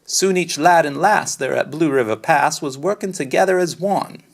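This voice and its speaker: A man reading a children's storybook aloud in an expressive, rhythmic, dramatic storytelling style. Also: a little high, normal speed, creaky. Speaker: storybook reader.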